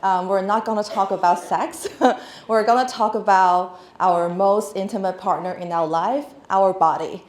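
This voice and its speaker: In an echoey large hall with an audience, a thirtysomething woman from Hong Kong gives a casual talk in a Hong Kong accent. Her mid-range, slightly mellow voice keeps fairly even intonation at an unhurried pace, while she chats and laughs with many fillers and restarts.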